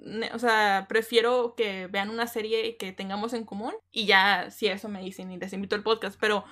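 A woman's voice: mid-range voice, little pitch movement, normal speed, fairly bright tone. A woman with a Mexican accent, a podcast host chatting casually and rambling with many fillers. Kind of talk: casual chat.

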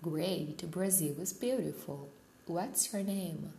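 A woman voicing a friendly man meeting someone at a cafe, speaking slowly and carefully in a practice dialogue, in a roomy space. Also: fairly low pitch, creaky, dark tone, a little hiss or hum. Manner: slow, carefully spoken example dialogue. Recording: roomy echo.

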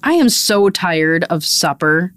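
A woman's voice: lowish voice, animated, slow, fairly bright tone, slight background noise. A woman co-hosting a podcast, chatting casually and laughing often as she tells stories about her young daughter. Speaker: podcast co-host. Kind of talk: casual chat.

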